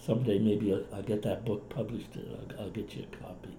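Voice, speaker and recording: Older man with mellow Cape Breton accent. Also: lowish voice, fairly even intonation, fast. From Cape Breton, Canada. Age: older, past retirement. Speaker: interviewee, retired clinician and writer. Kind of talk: relaxed reminiscing conversation. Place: indoors in a home. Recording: roomy echo, faint background noise.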